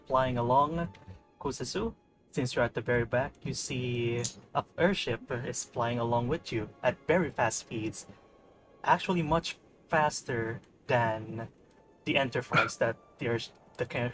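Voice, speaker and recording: A man narrates a tabletop game as game master, in a mid-pitched voice. His narration is halting and full of fillers. Faint music plays behind him. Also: fairly bright tone.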